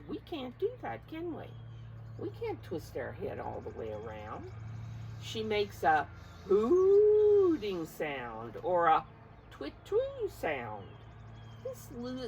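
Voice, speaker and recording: Over poor audio with a little hiss or hum, a woman reads a picture book to preschoolers in a slow, animated way. Her voice is on the low side, and she coaxes the children, asking them guessing questions directly.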